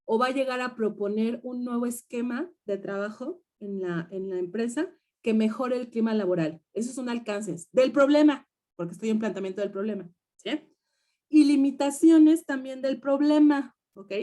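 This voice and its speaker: A woman's voice: a little high, normal speed, dark tone. A woman with a Mexican Spanish accent teaching a research seminar, explaining step by step and checking in often with her students. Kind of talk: lecture to students.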